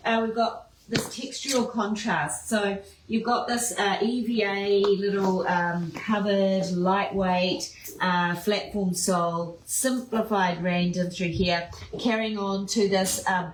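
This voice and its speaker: A woman's voice: mid-range voice, slight background noise. A chatty, enthusiastic woman presenting shoes in a live showcase, with many fillers. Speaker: fashion presenter. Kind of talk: live shoe showcase chat. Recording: echoey room.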